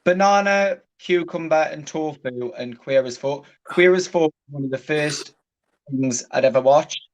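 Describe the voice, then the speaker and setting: A man's voice: a little high, measured pace, rough recording. A man, a drag queen guest telling stories in a casual chat, swearing a lot and laughing as he talks.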